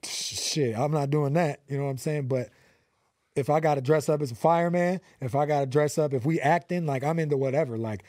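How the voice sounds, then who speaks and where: A man's voice: fairly high pitch, a little fast, a little mellow, no room sound, clean studio sound. A man in his twenties from Los Angeles, a rapper guest talking in slangy, earnest speech full of fillers. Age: 20s. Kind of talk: casual interview.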